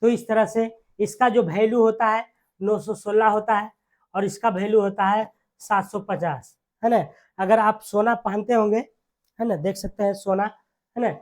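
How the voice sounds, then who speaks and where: A teacher delivers an exam lesson, drilling each answer by saying it twice. Short rhetorical questions and tags keep checking on the listener. The pitch sits in a middle range. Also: fairly even intonation, moderate pace. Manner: repeats key words, quizzes with "है ना" tags. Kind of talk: classroom-style exam lesson.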